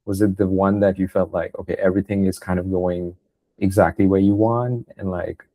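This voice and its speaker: A man's voice: low voice, flat delivery, normal speed, dark tone, dry recording. A man hosting a podcast interview, talking loosely and hesitantly with many fillers. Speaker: podcast host.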